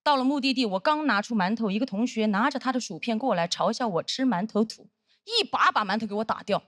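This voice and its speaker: A woman in her thirties performing a stand-up comedy set on stage, telling stories with animated acted-out voices. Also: on the high side, fast talker, dry recording, studio quality. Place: comedy stage with live audience.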